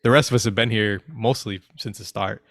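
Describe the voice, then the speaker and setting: A man's voice: fairly low pitch, steady tone, a little fast, fairly bright tone, dry recording, clean studio sound. A man co-hosting a podcast, chatting in a friendly way and chuckling often. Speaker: podcast co-host. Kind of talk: casual chat.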